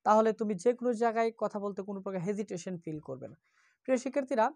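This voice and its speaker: A woman's voice: medium pitch, expressive, very fast, a little mellow, no echo. A woman teaching English pronunciation in a lesson. She spells out words letter by letter and asks questions that she answers herself. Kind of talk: spoken language lesson.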